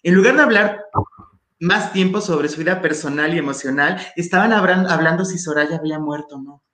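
A man's voice: a little high, a little fast, bright, forceful tone, slight background noise. A man with a Mexican accent, a guest in a casual chat, opinionated and critical, using local slang. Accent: Mexican Spanish. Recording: echoey room.

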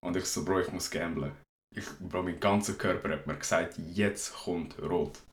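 A man's voice: low-pitched, steady tone, brisk. A young man with a Swiss German accent, telling stories in a slangy, rambling way as a podcast host in casual chat. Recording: echoey room.

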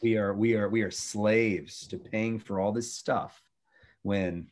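A man's voice: on the low side, fairly even intonation, slow, darkish tone. A middle-aged man, a former youth pastor, talking about faith and family in an earnest, preachy way with many restarts.

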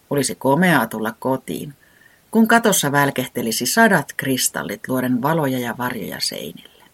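A storyteller reading a children's animal story aloud in a gentle, lively way. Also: medium pitch, husky.

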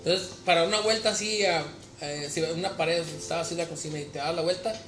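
A Mexican man co-hosting a casual podcast chat, excitable and stumbling over his words. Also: a little high, fairly quick. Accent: Mexican Spanish. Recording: echoey room with music underneath.

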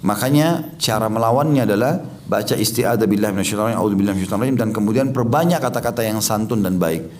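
A man giving a religious lecture, explaining hadith and reciting verses in Arabic with a steady teaching manner. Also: on the low side, rapid-fire. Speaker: Islamic preacher.

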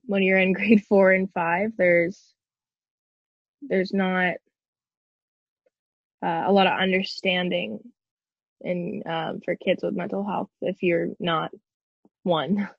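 A young adult woman, a guest in a casual interview, talking hesitantly with frequent pauses over low-quality video-call audio. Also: level tone, creaky, husky, dry recording, dull audio.

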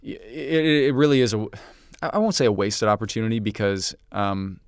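A man's voice: fairly low pitch, brisk, clean tone, no echo, studio quality. A man co-hosting a podcast in casual chat, talking in enthusiastic, rambling stretches that often stop and restart. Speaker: podcast co-host.

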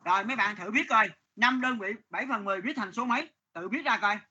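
A man teaching math to a class, stern and scolding, dictating numbers slowly. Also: high voice, sharp tone, slightly rough, highs cut off.

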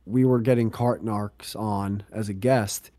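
A man's voice: on the low side, steady tone, measured pace, dark tone, dry recording, clean studio sound. A man in his twenties co-hosting a podcast, with teasing, joking banter. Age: 20s. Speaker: podcast co-host. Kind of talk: casual podcast chat.

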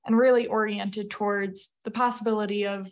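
A woman speaking as a podcast guest over a video call, explaining at a measured pace with frequent fillers. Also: mid-range voice, steady tone. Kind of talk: presenting slides in a remote interview.

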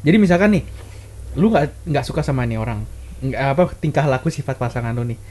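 A man's voice: medium pitch, expressive, fairly quick, warm tone. A man co-hosting a casual podcast chat, explaining at length and acting out examples in a raised voice. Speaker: podcast co-host.

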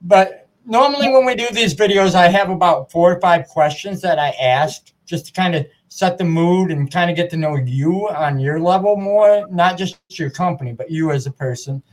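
A man's voice: sits high, moderate pace, hardly any pauses. A man hosting a casual podcast interview, friendly, chatty and easygoing. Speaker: podcast host.

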